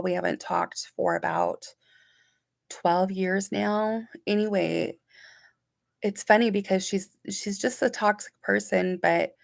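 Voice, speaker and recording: Gravelly-voiced woman on a home live stream reading comments out, chatty and soft, dry close mic. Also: lowish voice, no echo. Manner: warm, chatty, reads comments aloud and responds softly. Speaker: vlogger reading viewer comments. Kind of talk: casual live-stream chat. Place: home room with curtains and sunlight.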